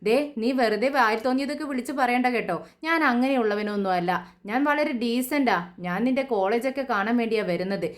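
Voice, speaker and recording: A woman's voice: on the high side, brisk, lightly acted. A woman reading the lines of a cheeky, defensive young man in a retold family serial, protesting and indignant.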